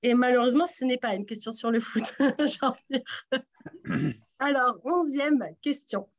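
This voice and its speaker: A woman hosting a radio sports quiz in a lively, teasing way, encouraging the contestants. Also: sits high, unhurried, lo-fi sound. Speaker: quiz host.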